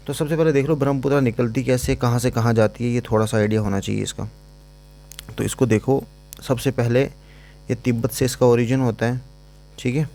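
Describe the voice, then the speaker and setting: A man's voice: medium pitch, vocal fry, warm tone. A man teaching an exam-prep lecture in a casual, chatty way, repeating points and giving memory codes.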